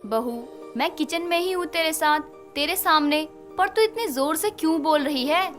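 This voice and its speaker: A woman's voice: sits high, moderate pace, soft background music. A fretful, scolding mother-in-law. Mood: worried. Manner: worried, scolding gently.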